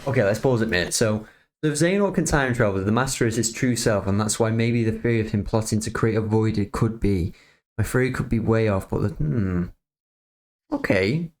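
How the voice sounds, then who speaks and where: A man with a fairly low pitch speaks briskly, giving casual reaction commentary as a streamer watching a fan-dubbed game movie. He muses aloud and frequently trails off mid-thought.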